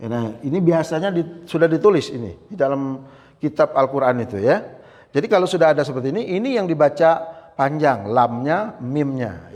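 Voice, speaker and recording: A male teacher giving a religious lesson on Quran recitation rules, explaining step by step, often adding a checking "ya" and slowly chanting the recitation examples. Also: on the high side, a little mellow. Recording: long reverb.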